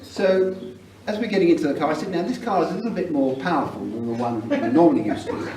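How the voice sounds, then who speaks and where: A man's voice: fairly high pitch, fast. A middle-aged man with an English accent, giving a humorous wedding speech as father of the bride. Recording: roomy, noisy event recording from far off.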